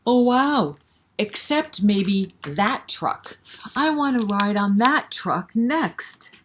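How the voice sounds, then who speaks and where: Leading a children's story time, a woman reads a picture book expressively and chats with the kids, asking questions and offering encouragement. Her mid-range voice is animated and slow, with a little hiss or hum in the audio.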